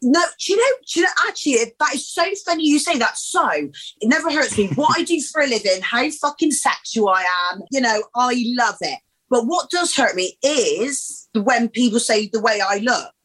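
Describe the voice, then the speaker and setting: A woman's voice: on the high side, expressive, moderate pace, a bit bright, slightly rough, rough recording. A woman in her thirties speaking as a guest in a candid interview, bubbly and outspoken, swearing freely and calling the host "babes". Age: 30s. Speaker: podcast guest.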